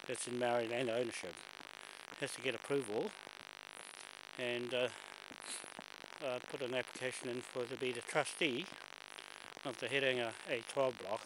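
An older man, out of breath and chatting as he films a walk down a bush stairway, often clearing his throat. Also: medium pitch. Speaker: vlogger filming a walk. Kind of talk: casual walking commentary. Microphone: handheld camera mic. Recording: loud hissy camcorder audio.

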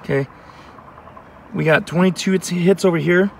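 A man's voice: high-pitched, fairly even intonation, moderate pace, creaky, slight background noise. Man explaining shotgun results outdoors. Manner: plain, matter-of-fact explaining. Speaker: channel host. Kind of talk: casual outdoor gear review. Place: outdoor shooting range. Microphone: camera mic at a distance.

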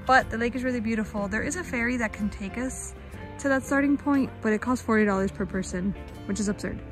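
Young woman, casual hiking vlogger, slightly high voice, phone at arm's length outdoors, music bed under her. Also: fast talker. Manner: chatty, laughs often. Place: mountain trail outdoors.

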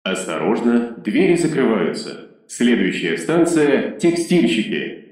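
Guy on the metro intercom calling stops, formal and measured, voice rises and falls a lot, echoey speaker far off with loud train rumble. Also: sing-song. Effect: over the train intercom. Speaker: metro station announcer. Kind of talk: recorded transit announcements. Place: inside a moving metro car. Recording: echoey loudspeaker in a noisy train car.

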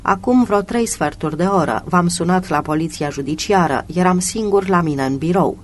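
A reader voicing a male police inspector who sounds sad and apologetic, talking slowly and quietly in an audiobook. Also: mid-range voice, a little hiss or hum, lightly acted. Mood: subdued.

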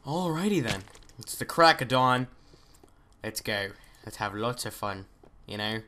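A man's voice: mid-range voice, animated, a little slow, pushed and bright. A man hosting a gaming video, chatting casually and thinking aloud as he plays, often trailing off into mutters. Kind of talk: let's play commentary.

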